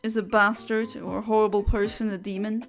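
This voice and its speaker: A woman's voice: mid-range voice, flat delivery, a little fast, faint music behind. A young woman from Luxembourg, chatting on a livestream headset mic, reading out viewer comments and giggling between rambling asides.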